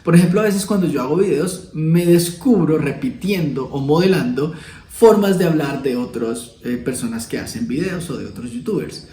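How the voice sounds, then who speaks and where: A man's voice: fairly high pitch, normal speed, mellow, reverberant, rough recording. A man hosting a video lesson, explaining in a casual tone and acting out tones of voice as examples. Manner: demonstrative, acting out emotional tones of voice. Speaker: video host teaching communication. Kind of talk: casual explanatory talk to camera.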